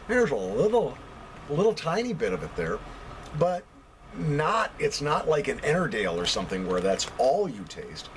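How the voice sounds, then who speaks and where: A man's voice: a little high, very animated, normal speed, rough recording. An American man reviews in a casual, conversational vlog style. His mid-range voice moves up and down a lot as he stresses and repeats phrases. Some background noise sits behind him in a basement room. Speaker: pipe tobacco reviewer.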